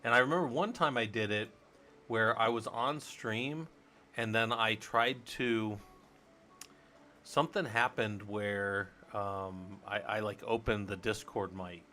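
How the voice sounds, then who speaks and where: Faint music plays behind a man hosting a relaxed live stream as he works on a computer. His voice is fairly low and sharp in tone, and he talks unhurriedly, thinking out loud in a loose, rambling way full of fillers.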